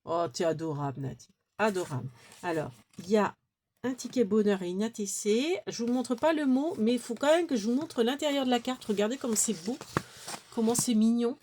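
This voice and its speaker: A woman's voice: a little high, lively intonation, brisk, warm tone. Gushing woman opening craft mail. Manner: gushing, exclaims over small things; chatty, thinks aloud with fillers. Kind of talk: casual chat to viewers.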